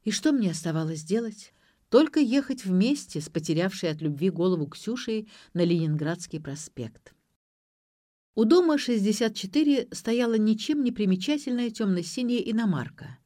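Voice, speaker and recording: A woman narrating a first-person detective story in a brisk, ironic way. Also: medium pitch, expressive, mellow, dry recording, studio quality. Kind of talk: audiobook narration.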